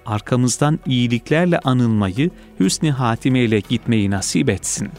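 Calm man reading reflectively over soft music. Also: medium pitch, moderate pace. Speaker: reader. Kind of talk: reading a personal essay aloud. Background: faint music.

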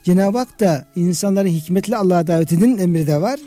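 A man's voice: sits high, fast, mellow, no echo, soft background music. A man in a conversational religious discussion, explaining and repeating phrases for emphasis, in the manner of a host.

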